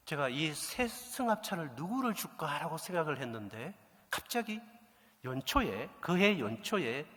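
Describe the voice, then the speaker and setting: Animated male pastor in an echoey hall. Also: medium pitch. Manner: animated storytelling, acts out quoted dialogue. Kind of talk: sermon storytelling. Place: church sanctuary. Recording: echoey church hall reverb.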